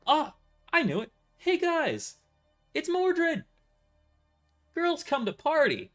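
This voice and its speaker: A man voicing a tiny, boastful, excitable male pirate king in an amateur audio drama, with music. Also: very high-pitched, slow, voice pushed up, full character voice. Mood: excited.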